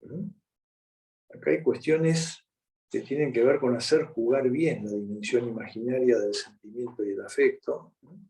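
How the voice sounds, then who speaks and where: A man's voice: mid-range voice, steady tone, normal speed, warm tone. A man with a Rioplatense Spanish accent giving a conversational conference lecture, often checking in with his audience. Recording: voice picked up from a distance.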